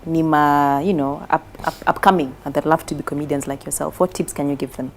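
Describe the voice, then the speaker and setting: Low-voiced woman host. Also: fairly even intonation, a little fast, a little hiss or hum. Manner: brief encouraging replies, mixes Swahili. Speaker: interviewer host. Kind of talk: casual interview chat.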